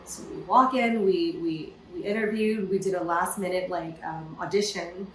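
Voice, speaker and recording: Speaking at a normal speed with a fairly low voice, this woman from California is an entrepreneur guesting on a podcast. She tells stories in a lively, casual way, leaning on "you know" and other fillers, while the echoey room, poor audio, and faint hiss mar the recording.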